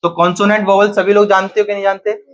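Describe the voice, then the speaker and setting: A man's voice: high-pitched, little pitch movement, fast talker, fairly bright tone. A man teaching a grammar lesson to a class, often asking students questions and then answering them himself.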